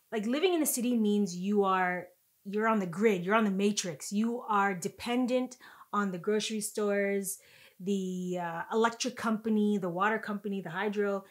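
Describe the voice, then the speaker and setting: A young woman vlogger tells a story in casual chat, animated and expressive, in a medium-pitched voice. She's recorded sitting on a sofa in a living room.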